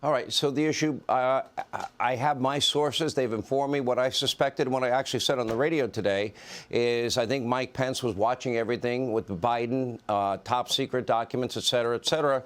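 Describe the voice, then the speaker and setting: A middle-aged man hosting a TV news interview, firing off emphatic, rapid-fire questions to his guests. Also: medium pitch, fairly even intonation. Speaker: TV news host.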